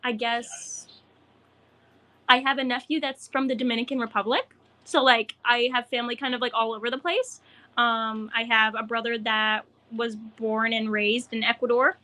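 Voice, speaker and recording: A woman's voice: fairly high pitch, level tone, normal speed, bright, forceful tone. A young woman being interviewed as a guest, giggly and rambling, with lots of fillers. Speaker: guest, racer. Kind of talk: casual interview.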